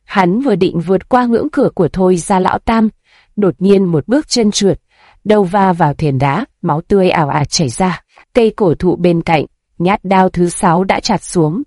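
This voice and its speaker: A woman reading a scripted story in a steady, even narrating voice. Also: lowish voice, moderate pace, no room sound, clean studio sound.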